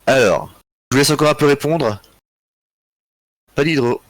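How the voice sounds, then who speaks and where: A man's voice: medium pitch, measured pace, no echo. Tired guy running a history quiz on stream, chuckles a lot, dry mic. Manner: relaxed, joking, chuckles often, thinks aloud. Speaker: quiz host. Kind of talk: live-streamed history quiz, reading chat answers.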